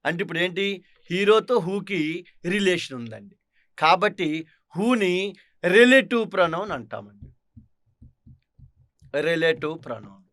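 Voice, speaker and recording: A man's voice: sits high, very animated, a little slow, long pauses, a bit bright, no room sound. A man teaching an English grammar lesson, explaining step by step and asking his class rhetorical questions. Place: online teaching studio.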